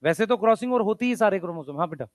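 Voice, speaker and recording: A male teacher giving a classroom lecture. He calls his students "beta", mixes in English technical terms, and keeps urging them to write quickly. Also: sits high, lively intonation, no room sound.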